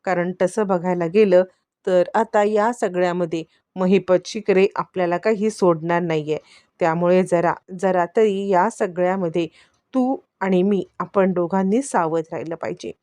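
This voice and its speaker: A woman's voice: normal speed, darkish tone, no echo. Woman retelling a serial, dry sound. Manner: acts out characters' lines with rising pitch; repetitive, conversational retelling. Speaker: serial recap narrator. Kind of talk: storytelling recap of a TV serial.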